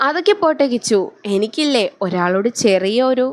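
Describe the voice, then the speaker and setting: A bubbly young woman full of playful banter, as a female storyteller puts her on, in a fairly high voice. Her lines are read in a close, dry audio-story recording with no room around them. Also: lively intonation, normal speed, dry recording, natural voice. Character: lively teasing young woman, chatty best friend.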